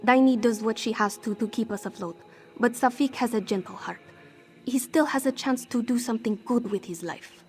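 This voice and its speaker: A woman voices a scrappy cat-folk thief from a fantasy game, her voice on the high side, a little mellow and close to everyday speech, at a moderate pace. The character is anxious, defensive, bleak and earnest, speaking of herself in the third person in stiff, formal phrasing without contractions, hardened by street life. Music plays behind her.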